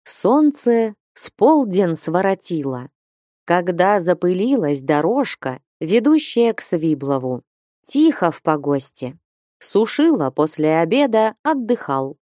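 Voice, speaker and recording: A woman narrating classic prose as an audiobook in an expressive storytelling manner. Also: on the low side, takes it slowly, dry recording, studio quality.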